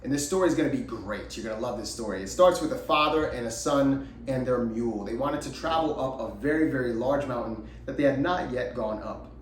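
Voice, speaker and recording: An emphatic male acting coach giving a motivational lesson. He stacks up repetitive lists in a mid-pitched voice. The room sounds echoey and the mic is set back from him. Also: a little fast, few pauses, a little hiss or hum. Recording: roomy, distant mic.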